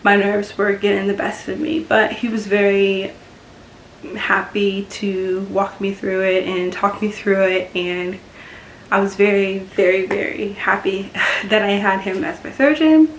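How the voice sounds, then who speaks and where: A woman telling a personal story-time vlog, halting and full of fillers, sometimes getting emotional. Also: medium pitch, fairly even intonation. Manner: halting, lots of fillers and restarts, emotional at times. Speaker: beauty vlogger. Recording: echoey room with faint background noise.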